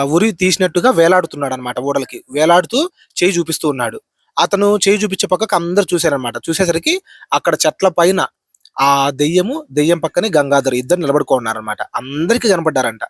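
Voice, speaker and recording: A man's voice: on the high side, no echo, studio quality. A man hosting a horror channel, telling a ghost story in a chatty spoken way, repeating phrases and tagging lines with a filler.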